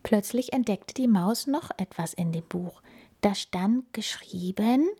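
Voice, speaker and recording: A woman in whispered story reading, telling a children's story aloud in a slow, hushed way. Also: mid-range voice, animated, breathy edge.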